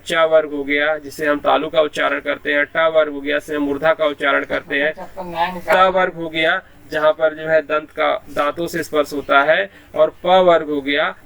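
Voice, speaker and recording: A man's voice: fairly high pitch, vocal fry, bright, forceful tone. A man teaching Hindi in an online class, explaining patiently and sounding out letters one by one, with a habit of repeating a filler phrase.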